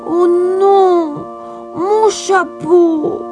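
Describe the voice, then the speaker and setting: A woman voicing an outspoken little mountain girl in a storybook, high, earnest and eager. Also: lively intonation, slow. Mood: pleading. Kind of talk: storybook reading. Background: music.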